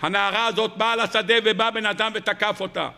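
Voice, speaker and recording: A middle-aged rabbi preaching with a high, very bright and piercing voice. He tells stories dramatically, throws rhetorical questions at his listeners and now and then jumps sharply upward in pitch. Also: fairly even intonation. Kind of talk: weekly Torah-portion sermon.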